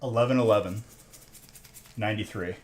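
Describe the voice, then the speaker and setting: Opening card packs on his live stream, this thirties-aged man trades playful, teasing jokes with chat. He talks briskly in a lowish voice, and there's slight hiss or hum.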